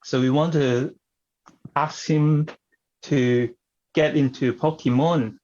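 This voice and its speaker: Guy doing improv comedy, slow and halting, searching for words, muffled stage recording. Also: fairly high pitch, steady tone, a little mellow.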